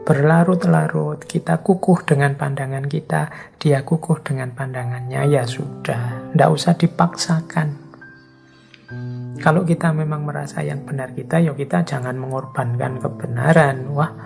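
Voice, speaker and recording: A man giving a spoken lecture, deliberate and listing his points one by one. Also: a little high, steady tone, creaky, darkish tone, faint music behind.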